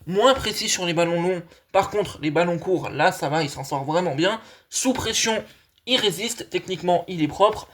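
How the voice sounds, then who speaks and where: A man's voice: sits high, moderate pace. A man hosting his own football channel, giving a chatty, enthusiastic analysis monologue and addressing viewers as friends.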